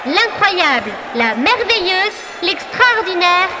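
A woman's voice: very high-pitched, big pitch swings, takes it slowly, exaggerated voice. An actress voicing a girl playing a grand, theatrical fight announcer in an audio drama. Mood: grandiose. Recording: loud cheering crowd and noise behind.

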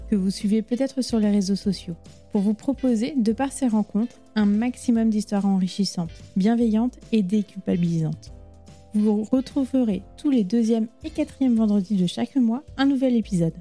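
A woman's voice: mid-range voice, mellow. A woman hosting her podcast, reading a scripted intro and then asking a guest questions informally. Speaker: podcast host.

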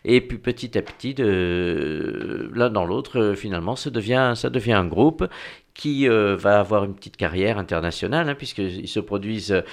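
A man's voice: fairly low pitch, animated, normal speed. A man presenting a music band on a radio show, talking casually with many fillers and restarts. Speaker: regular music show contributor.

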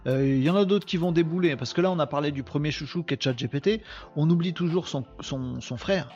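A man's voice: a little high, a little fast, darkish tone, dull audio, faint music behind. A man with a ch'ti accent hosting a live podcast, chatting casually and joking with his viewers. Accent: Picard (ch'ti) traces. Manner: chatty, self-mocking, talks to chat viewers. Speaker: podcast host. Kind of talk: casual live-stream chat.

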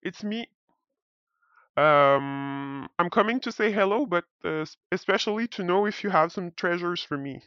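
Voice-changed woman smuggler, played by a performer, hesitant and full of fillers, mid-pitched, dull lo-fi sound. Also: a little slow, fairly bright tone, smooth, no room sound. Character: secretive woman digital nomad van driver. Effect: voice changer disguising the voice.

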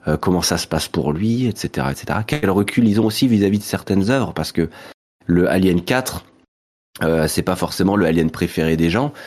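A man with a low voice talks through a recommendation in relaxed podcast chat. He hesitates often, filling gaps with "euh" and trailing lists of "et cetera". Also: brisk. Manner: hesitant, many fillers and repeated "et cetera". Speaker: podcast co-host.

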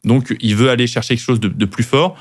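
A man's voice: mid-range voice, steady tone, quick pace. A man who is a lawyer, guest on a podcast, explaining things at length with frequent restarts.

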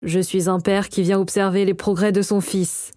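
A woman reading the part of a kind male king who calmly reassures his young son. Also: mid-range voice, normal speed, no room sound, clean studio sound, lightly acted. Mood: gentle. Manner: calm, warm and reassuring. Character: kind, gentle male king and father, a magician.

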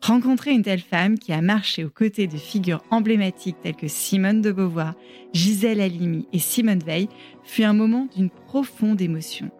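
A woman reading a scripted narration in a measured, solemn way. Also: mid-range voice, a little mellow, soft background music.

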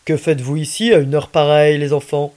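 A fatherly, amused policeman, as a woman puts him on, lower than her usual voice and louder. He teases with a mock-stern manner, as in a children's story read aloud. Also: level tone, fairly quick, close to an everyday voice. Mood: teasing.

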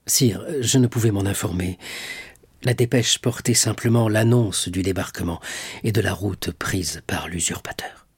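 A man reading an audiobook, voicing a frightened male minister of police who speaks in a hushed, faltering half-whisper. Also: deep voice, a little slow, husky, dry recording, exaggerated voice. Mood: defensive.

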